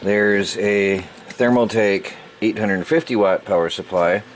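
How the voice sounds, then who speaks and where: A man's voice: fairly low pitch, a little slow, slight background noise. A middle-aged man hosting a casual unboxing video, rambling and stumbling over words as he corrects himself. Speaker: tech channel host.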